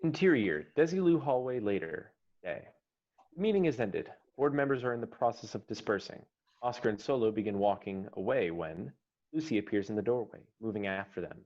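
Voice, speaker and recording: A man with a low-side, a little mellow voice reads screenplay stage directions as narrator at an online table read, briskly and with lively intonation. He's on a video call, and the audio is dull and lo-fi.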